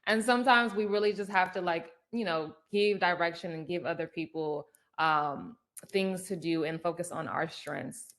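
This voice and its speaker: A woman's voice: on the low side, normal speed. A woman presenting a small-business workshop in a casual, conversational teaching style, with asides and fillers. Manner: conversational, uses fillers and asides, lively quoted voices. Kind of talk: casual instructional talk.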